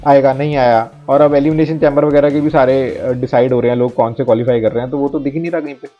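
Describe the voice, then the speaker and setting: A man co-hosting a casual wrestling review chat, laughing often and agreeing with quick short replies. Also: medium pitch, steady tone, muffled recording, soft background music. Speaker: podcast co-host.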